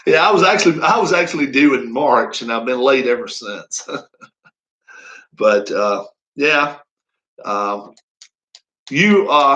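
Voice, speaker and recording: A man's voice: a little high, bright, forceful tone, poor audio. Rambling folksy man in his fifties. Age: 50s. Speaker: racing league streamer. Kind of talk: casual live-stream chat.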